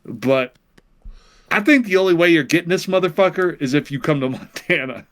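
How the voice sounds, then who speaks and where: Brief: male co-host, slightly high voice, repeats words, joking banter. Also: animated, a little fast. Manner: stammering, repeats words, casual swearing. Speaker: podcast co-host. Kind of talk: casual comedic banter.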